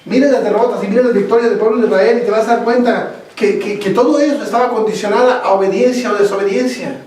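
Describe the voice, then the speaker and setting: A man preaches a Bible study with a high-pitched voice that stumbles and restarts, often turning to the room with a question. He sounds a bit distant from the mic, in a strongly echoing church hall with a faint hum of noise behind. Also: darkish tone. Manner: halting, repeats words and asks the room questions. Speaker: pastor.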